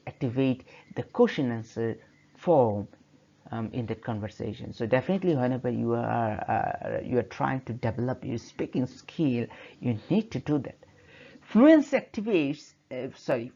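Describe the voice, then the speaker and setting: A man's voice: medium pitch, vocal fry, dark tone, slightly rough. Hesitant Bengali-speaking man teaching grammar. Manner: hesitant, many fillers and restarts. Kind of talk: narrated slideshow lecture. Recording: slightly dull lo-fi audio.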